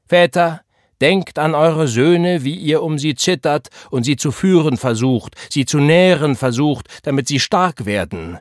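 A man voicing a fervent young male revival preacher, crying out with rising calls and drawn-out stresses. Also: on the high side, lively intonation, dry recording, clean studio sound, pitched above the performer's own voice. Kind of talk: impassioned sermon.

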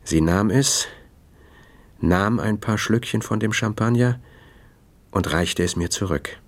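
A man reading a first-person audiobook in a dry, measured, matter-of-fact way. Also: on the low side. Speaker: narrator.

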